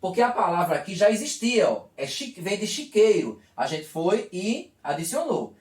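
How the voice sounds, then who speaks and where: Recorded from far off in an echoey room, a man whose voice sits high explains a video lesson step by step at a moderate pace. His delivery is lively with a rising and falling tone, and he frequently poses questions only to answer them himself.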